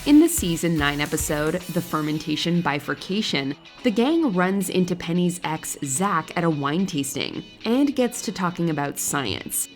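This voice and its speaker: Low-voiced woman narrating over music. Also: sing-song, moderate pace. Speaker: narrator of a countdown list. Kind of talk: scripted narration. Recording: music behind the voice. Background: background music.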